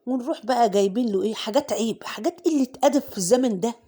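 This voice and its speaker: A middle-aged woman with an Egyptian accent talks to her viewers in a loose, chatty vlog. Her voice sits a little high, and she swings into exaggerated, mock-tragic complaints, scolding herself with a laugh in her tone. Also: very fast, mellow. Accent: Egyptian Arabic. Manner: dramatic, self-mocking comic lament. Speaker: vlogger. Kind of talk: casual home vlog chat.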